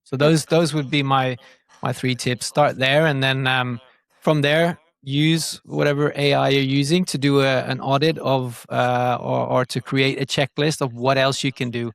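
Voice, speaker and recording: Speaking unhurriedly at a medium pitch, the man keeps a level tone with a touch of vocal fry, and there is no room sound. He's a digital growth marketer guesting on a podcast, talking casually and repeating words as he reasons aloud. His Norwegian is broken, as it isn't his first language.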